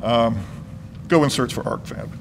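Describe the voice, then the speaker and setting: A man delivering a eulogy as a professor, speaking and reading aloud in a solemn, measured manner with a gravelly voice. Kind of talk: eulogy speech, partly read aloud. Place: large reverberant hall. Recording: noisy, reverberant hall with low rumble.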